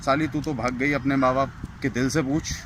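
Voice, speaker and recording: On a recorded call, an indignant commentator goes on an informal, scolding opinion rant. His mid-range, slightly bright voice keeps fairly even intonation at normal speed. The phone recording is very noisy, made outdoors with vehicles passing.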